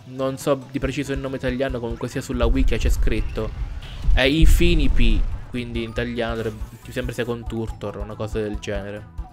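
An excitable man narrates his own gameplay in a let's play, talking to himself and to the game as he goes. His voice sits at an ordinary middle pitch. Faint game music runs underneath. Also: brisk. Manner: excitable, talks to himself and the game, pleads and cheers at the screen. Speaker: gaming channel host.

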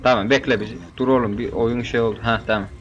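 A man's voice: medium pitch, steady tone, fast, dull audio. A young man giving casual, joking commentary while playing a shooter game, bantering with the characters on screen. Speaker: gameplay commentator.

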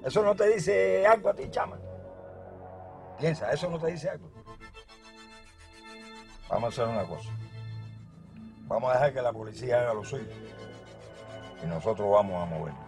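An actor playing a bossy, mocking gang leader in a Cuban TV police drama, with a Cuban accent. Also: male voice, mid-range voice, lively intonation, normal speed, creaky, pauses often, over music. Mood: scolding. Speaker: gang boss.

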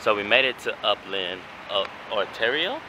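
Young male vlogger, loose slangy delivery, lowish voice, filmed at arm's length over street noise. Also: animated, normal speed. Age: young adult. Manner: loose slangy talk with frequent laughs. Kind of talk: casual road-trip vlog. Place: car, gas station and city streets outdoors. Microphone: handheld camera at arm's length. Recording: street and car noise behind.

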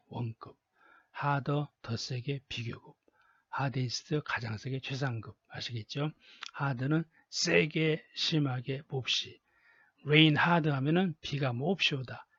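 A man's voice: medium pitch, breathy edge, no echo, highs cut off. A male English teacher narrating a lesson video, patiently repeating each word and example several times. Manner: patient, drills words by repeating them. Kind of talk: slow repetitive lesson narration.

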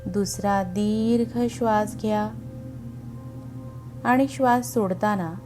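A woman narrates a guided meditation over background music, calm, soothing, and unhurried, with long pauses. Her voice is medium-pitched.

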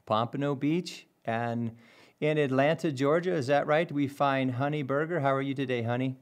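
A man's voice: medium pitch, moderate pace. A middle-aged man hosting a podcast, greeting guests and steering the conversation with friendly questions. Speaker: podcast host. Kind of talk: podcast interview. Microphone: headset with podcast mic.

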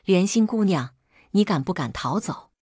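A woman storyteller voicing a kind-hearted young male servant who speaks earnestly and urgently, with a husky, lively voice. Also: medium pitch, normal speed, dry recording, studio quality. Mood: urging. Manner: earnest, urging and indignant.

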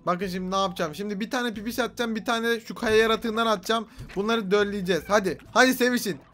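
A young man giving frantic let's-play commentary, yelling and swearing at creatures. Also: high-pitched, steady tone, fast talker. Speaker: gaming YouTuber. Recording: game music underneath.

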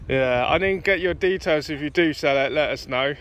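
A man's voice: a little high, normal speed, fairly bright tone, dull audio, slight background noise. A British man giving casual, matey, off-the-cuff commentary as a vlogger, recorded outdoors on a handheld phone. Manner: chatty, matey. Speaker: car show vlogger. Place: outdoors on a grassy car show field.

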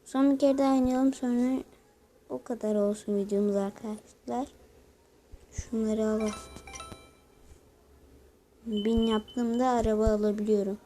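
A woman giving mobile gameplay commentary, excitable and talking to her viewers while she plays. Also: on the high side, a little hiss or hum. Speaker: gaming channel host.

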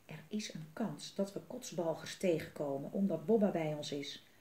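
A woman reading aloud, voicing a careful young boy who talks quietly and at times whispers. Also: sits low, normal speed, reverberant, lightly acted.

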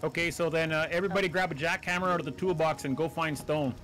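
A man in casual voice chat during a team game, halting with many "uh"s as he directs his teammates. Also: fairly high pitch, fairly even intonation, fairly bright tone, faint music behind. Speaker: gamer on voice chat.

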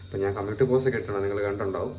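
A chatty male family vlogger speaking to camera in a family home. His voice sits a little low, and his delivery is brisk and rapid. Faint household ambience stays underneath throughout. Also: a little mellow, a little hiss or hum. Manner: chatty, addresses viewers directly. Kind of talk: casual vlog chat to camera.

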